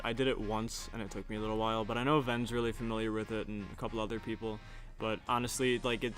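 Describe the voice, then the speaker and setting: A man's voice: fairly low pitch, fairly bright tone. Young man, casual co-host chat, laughs often, filler-heavy, faint music behind. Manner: laughs often, talks in quick bursts with fillers. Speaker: podcast co-host.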